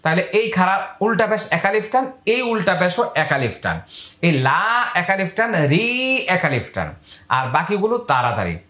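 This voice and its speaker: A man teaching Quran reading in Bengali, spelling out letters and vowel marks and drawing words out slowly in recitation. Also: high-pitched, very animated, bright, forceful tone. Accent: Bangladeshi Bengali. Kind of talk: step-by-step recitation lesson. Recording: echoey room.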